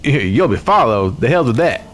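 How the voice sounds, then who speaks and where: A man's voice: medium pitch, big pitch swings, a little fast, slight background noise, natural voice. A man voicing a jumpy young man who covers his fear with brusque, scoffing talk. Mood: rattled.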